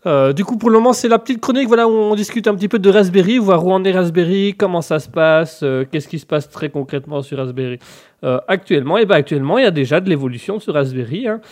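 A man's voice: high voice, quick pace, a little mellow. A man hosting a live web radio show, chatting playfully and rambling with self-mocking humor. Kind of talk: casual live radio chat.

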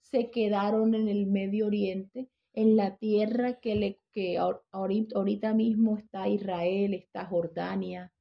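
Gravelly woman teaching the Bible. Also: medium pitch, fairly even intonation, a little slow, hardly any pauses. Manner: checks in with listeners, frequent restarts. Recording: dull lo-fi recording.

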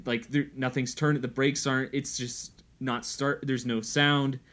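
A man's voice: mid-range voice, level tone, a little slow, a bit bright. A young adult man hosting a podcast in casual chat, telling a story animatedly and acting out quotes. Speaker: podcast host.

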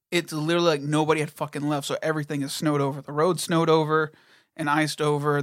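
A man recounts a story in relaxed conversation, his voice sitting a little high for a man. He swears freely and acts out both sides of the exchanges. The sound is dry and close. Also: no echo. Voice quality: profane, storytelling with quoted voices. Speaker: friend telling a story. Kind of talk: casual chat.

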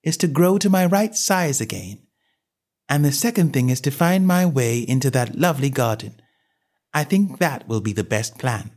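A man voicing Alice, a curious, fretful young girl, raising his pitch to sound earnest and wondering. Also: animated, normal speed, a little mellow, natural voice. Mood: resolute.

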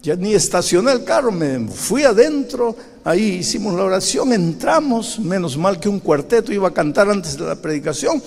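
A man with a Peruvian Spanish accent preaching a sermon as a pastor. He tells a story with animation, swinging between loud and hushed delivery. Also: sits high, animated, normal speed, creaky, few pauses, husky, long reverb tail. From Peru.

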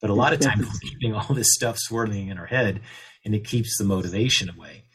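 A low-voiced man with a husky edge speaks as a guest on a radio interview. He explains ideas in a measured way, drawing out the key terms. The delivery is steady and patient. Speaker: guest expert on leadership.

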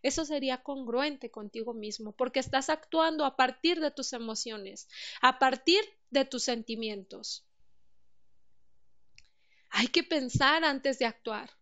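A woman's voice: high-pitched, a little slow, a bit bright, dull audio. A woman with a Mexican accent giving an earnest motivational talk, asking the listener direct questions. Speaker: speaker on emotional wellbeing.

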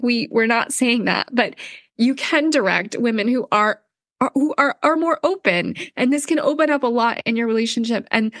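A woman co-hosting a podcast in casual conversational talk, earnest and expressive, often acting out quoted speech. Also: fairly high pitch, no room sound, studio quality. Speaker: podcast co-host.

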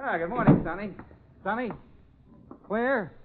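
An actor playing a breezy, wisecracking private detective in a 1940s radio drama. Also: male voice, high-pitched, a little slow, a little hiss or hum. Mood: breezy, puzzled. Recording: muffled vintage radio recording.

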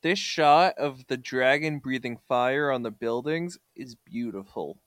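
A man's voice: medium pitch, unhurried, fairly bright tone, no echo. A man co-hosting a casual comic book club podcast, joking and enthusiastic about the panels. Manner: joking, enthusiastic, looks facts up mid-chat. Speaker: podcast co-host.

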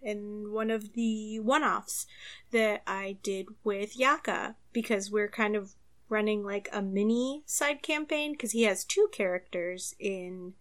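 A woman's voice: mid-range voice, takes it slowly, fairly bright tone. Chatty woman gm, rambles with tons of likes and ums, laughs a lot. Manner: rambling, laughs often, lots of fillers. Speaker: game master. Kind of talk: casual podcast chat about tabletop games.

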